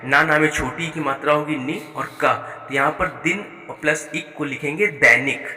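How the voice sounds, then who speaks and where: A man teaching a children's Hindi exercise, slowing down to spell each word out sound by sound. His voice is bright and clear, a little higher than most men's, and it rings through a room with a long, echoing reverb. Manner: slow, patient, spells words out sound by sound. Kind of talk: explaining a school exercise.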